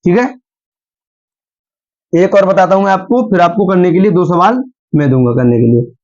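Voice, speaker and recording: A young man teaches math at a board, patiently going over steps again and quizzing his students. His voice is high and a little mellow at a normal speed, and the recording sounds dull and lo-fi.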